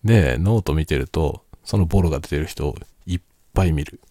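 Adult male, low voice, quiet night-time chat delivery, thoughtful explainer, dry close sound. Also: a little fast, no echo. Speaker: solo host of a spoken chat. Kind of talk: casual late-night chat.

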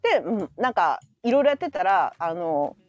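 A woman hosting a live internet radio chat, telling a story with excitement, laughing often and acting out quoted lines. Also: on the low side, moderate pace, dry recording, highs cut off, faint music behind. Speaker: radio show host. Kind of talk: casual chat on a live stream.

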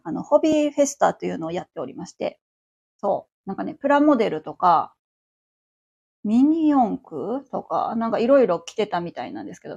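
A woman's voice: on the low side, gravelly, a little mellow, breathy edge, highs cut off. A woman around forty with a Kansai accent, chatting on her own as host of a livestream radio show, rambling along with many fillers. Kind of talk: casual solo chat.

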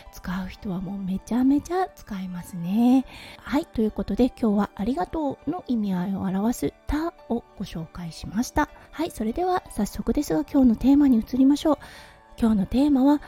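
A woman's voice: fairly high pitch, warm tone, husky. A Japanese woman hosting a casual solo audio show, chatty with frequent little fillers, faint music behind. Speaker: podcast host. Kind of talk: casual solo radio talk.

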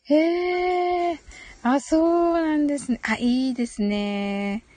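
A giggly woman hosts a casual live audio stream, chatting, reading out listener comments, laughing often and offering frequent short acknowledgements. Her high voice is a little mellow and unhurried, with no echo.

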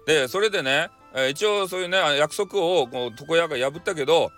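A man's voice: on the high side, a little fast, a bit bright, soft background music. A man with a Hakata accent casually retelling a folk tale for bedtime, playful and rambling. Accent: Hakata dialect. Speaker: storyteller.

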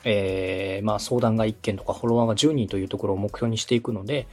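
A man from Osaka, Japan, who hosts a podcast and directs radio, talks fast in a low-ish, dark voice. He offers a beginner polite, structured, step-by-step advice in a conversational tone.

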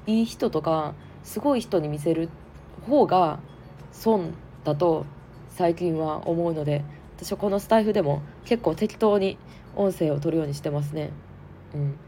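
Woman, Kansai accent, hoarse and congested, gravelly fry, mellow dark tone, casual podcast monologue. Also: lowish voice, lively intonation, normal speed, a little hiss or hum. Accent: Kansai Japanese. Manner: chatty, frank, many fillers. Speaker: podcast host. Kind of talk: casual solo podcast talk.

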